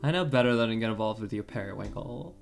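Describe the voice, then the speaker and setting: Girl playing a snippy valley girl shop owner in a visual novel, very low voice, swinging pitch. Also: animated, quick pace, vocal fry, faint music behind, exaggerated voice. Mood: curt dry. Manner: Valley Girl voice, dry and curt. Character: stern no-nonsense female apothecary owner.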